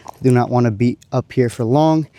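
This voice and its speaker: Hoarse roofer narrating a repair. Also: male voice, mid-range voice, fairly quick, dark tone. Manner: careful, explaining each step. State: hoarse, losing his voice. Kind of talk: on-site repair walkthrough. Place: on a rooftop outdoors.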